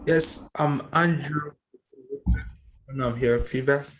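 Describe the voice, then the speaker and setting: A man, a student, asking an earnest and halting question over a video call. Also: medium pitch, fairly even intonation, a bit bright, a little hiss or hum, low-quality recording. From Liberia.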